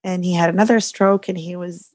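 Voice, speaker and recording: A woman in her late thirties, from Iraq, speaking as a podcast guest, reflective and unhurried, with fillers. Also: fairly low pitch, steady tone, darkish tone, dry recording. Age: 30s. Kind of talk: casual interview talk.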